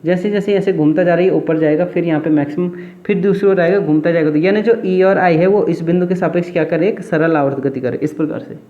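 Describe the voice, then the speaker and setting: A man's voice: fairly high pitch, quick pace, dark tone. A man teaching a physics lesson at a board, asking questions and answering them himself, repeating key terms. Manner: repetitive, asks and answers own questions. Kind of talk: whiteboard lecture. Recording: roomy, dull lo-fi classroom recording.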